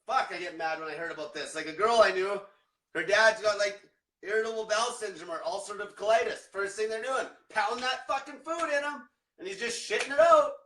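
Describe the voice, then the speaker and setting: Casting: young male diet coach, blunt profane ranter, high voice, echoey room, distant mic. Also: bright, forceful tone. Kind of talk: livestream rant.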